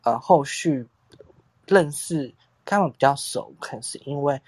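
A man's voice: fairly high pitch, animated, unhurried, no room sound. A young man, telling a long story in casual chat as podcast co-host, rambling and acting out quotes with frequent laughs.

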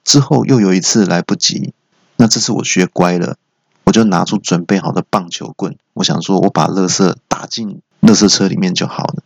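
A man hosting a solo comedy show, telling jokey stories and jumping into shouted character quotes. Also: low-pitched, normal speed, gravelly, breathy edge, dry recording. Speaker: comedy podcast host. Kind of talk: solo stand-up storytelling. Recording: dull lo-fi recording.

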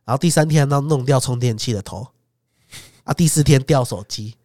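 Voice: mid-range voice, a little fast, mellow, dry recording, studio quality. A podcast co-host, telling a travel story in casual chat, laughing often and swearing casually.

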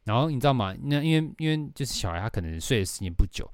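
A man's voice: mid-range voice, very animated, rapid-fire, clean tone, no room sound, clean studio sound. A young man with a Taiwanese Mandarin accent, hosting a casual podcast and telling a rambling story with casual swearing. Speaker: podcast host.

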